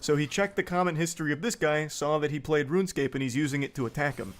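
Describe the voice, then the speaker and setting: A man's voice: fairly high pitch, fast talker. Sarcastic man reading out online comments. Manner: sarcastic, mocking, swears freely. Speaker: commentary host.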